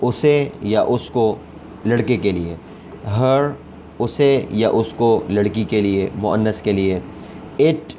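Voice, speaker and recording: A man whose first language is Urdu, teaching an English lesson. He repeats each word slowly several times and then gives its meaning. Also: lowish voice, dark tone, a little hiss or hum. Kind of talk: slow vocabulary and grammar lesson.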